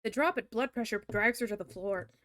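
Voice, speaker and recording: High-voiced, foul-mouthed streamer woman. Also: brisk, fairly bright tone. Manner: crude, joking asides mixed with narration. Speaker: VTuber streamer. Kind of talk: live-streamed visual novel reading with commentary.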